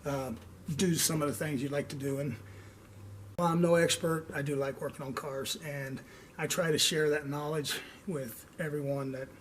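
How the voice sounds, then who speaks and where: Breathless older man, slightly high voice. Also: steady tone, a little hiss or hum. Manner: rambling, long-winded, pauses for air, tags lines with "okay?". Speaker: DIY car repair host. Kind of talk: casual instructional talk.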